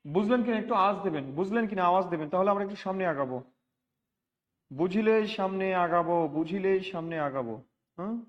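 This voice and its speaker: Man teacher from Bangladesh, high voice, repeats himself and prompts students; dull, reverberant recording. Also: expressive, quick pace. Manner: repetitive, asks students for responses. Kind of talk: online class lecture. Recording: dull lo-fi audio with long reverb.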